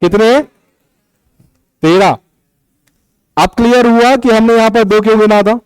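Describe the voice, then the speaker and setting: A young man teaches a class, patient and methodical, counting out syllables one by one as he explains. His voice sits high for a man. The sound is dry and close, with little room echo. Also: normal speed, smooth. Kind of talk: classroom lecture on Hindi prosody.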